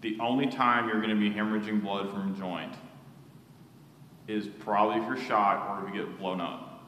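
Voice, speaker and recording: A man's voice: fairly low pitch, steady tone, normal speed, sharp tone, slight background noise. A man teaching a hands-on first aid class in a church hall, talking casually with fillers and restarts. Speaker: safety instructor. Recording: echoey hall with long reverb.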